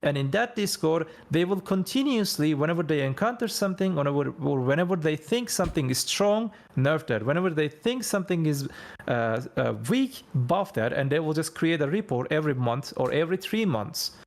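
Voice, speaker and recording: A man's voice: fairly high pitch, expressive, fairly quick, hardly any pauses. A man speaking non-native, accented English, giving emphatic, repetitive opinions off the cuff in a group call. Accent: foreign-accented English. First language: not English. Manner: emphatic, repeats points for stress. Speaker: veteran gamer on a discussion panel.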